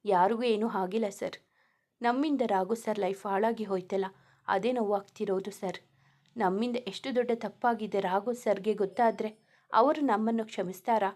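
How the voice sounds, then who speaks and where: A woman's voice: mid-range voice, steady tone, normal speed, a little mellow, natural voice. Adi, a woman voicing a guilt-ridden young man. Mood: guilty. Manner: curt, tearful.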